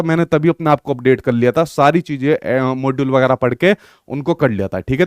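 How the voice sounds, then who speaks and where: A man's voice: a little high, no echo, clean studio sound. A young man teaching an exam-prep lesson, explaining step by step and often checking in with "okay". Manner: explanatory, repeats "ठीक है" often.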